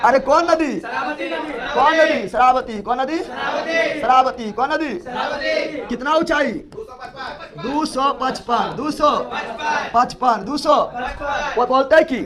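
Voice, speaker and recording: Male teacher, very high voice, repetitive call-and-response drilling, teasing and scolding, noisy classroom with students chanting answers. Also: measured pace, pauses often, crowd noise. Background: students answering in chorus.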